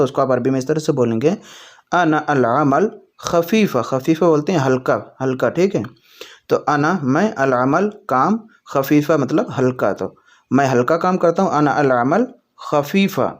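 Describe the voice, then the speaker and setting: A man teaching spoken Arabic phrases, saying each one slowly and repeating it before explaining what it means. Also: medium pitch. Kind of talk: spoken language lesson.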